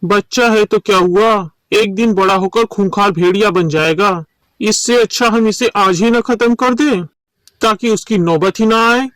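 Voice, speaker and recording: A man's voice: high-pitched, measured pace, a bit bright, dry recording. A man voicing an anxious village man in a cartoon story, who speaks in an earnest, agreeing way. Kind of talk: cartoon voice acting.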